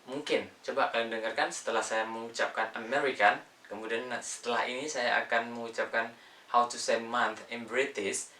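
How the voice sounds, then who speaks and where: A man from Indonesia teaching an English lesson, saying words slowly one by one and mixing in English terms. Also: mid-range voice, steady tone, bright, forceful tone, echoey room, far from the mic. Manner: slow, drawn-out word-by-word pronunciation drills. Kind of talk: casual spoken lesson.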